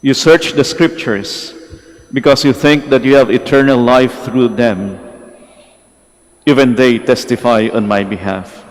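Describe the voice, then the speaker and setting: Slow-reading priest in cathedral echo. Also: male voice, mid-range voice, fairly even intonation. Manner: slow, measured, solemn delivery. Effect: long cathedral echo. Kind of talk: liturgical gospel reading. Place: large church during Mass. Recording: long reverb of a large church.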